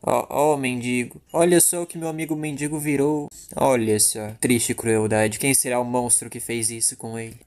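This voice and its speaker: Joking gaúcho gamer, crude commentary. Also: male voice, medium pitch, fairly even intonation, moderate pace, few pauses, a little mellow. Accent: southern Brazilian, Rio Grande do Sul. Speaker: gaming YouTuber. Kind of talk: Let's Play commentary. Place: home.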